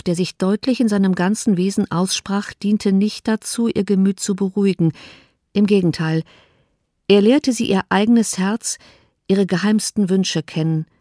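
A woman reading a classic novel aloud as an audiobook, in a measured, subdued way. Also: medium pitch, warm tone, dry recording, clean studio sound. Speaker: audiobook narrator. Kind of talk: scripted narration of a classic novel.

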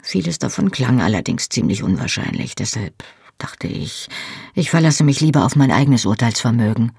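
A narrator voicing a shy young man, low and gravelly. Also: animated, normal speed, dry recording, clean studio sound, heavily acted. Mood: bashful. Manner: soft, bashful, hesitant speech. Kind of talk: audiobook character voice.

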